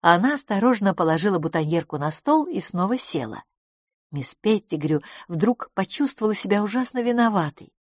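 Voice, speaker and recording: Lady reading a novel aloud, steady expressive narration, dry close mic. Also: mid-range voice, brisk, no echo. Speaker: audiobook narrator. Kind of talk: scripted narration.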